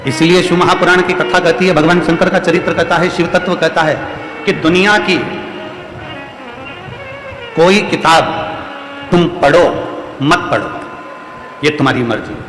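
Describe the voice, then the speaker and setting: Unhurried and pausing at length, a man with a fairly high, slightly bright voice delivers a devotional sermon with a Madhya Pradesh Hindi accent to a large outdoor religious gathering. He preaches repetitively and rhetorically, stressing lines again and again; the recording echoes like a hall with long reverb and faint music.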